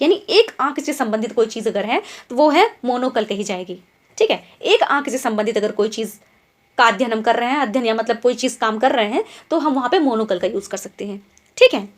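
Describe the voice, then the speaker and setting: A young woman teaching an online English vocabulary lesson, explaining in Hindi mixed with English words and checking in with her students after nearly every point. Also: high voice. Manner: keeps asking quiz questions and tag checks like "ठीक है?".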